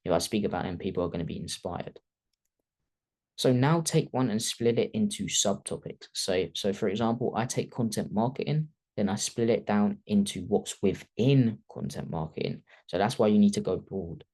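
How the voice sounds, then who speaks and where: A man's voice: lowish voice, normal speed, a little mellow. A man teaching a casual personal branding masterclass, talking off the top of his head and tagging sentences with "okay?". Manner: conversational, keeps tagging "okay?", thinks aloud off the cuff. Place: video call.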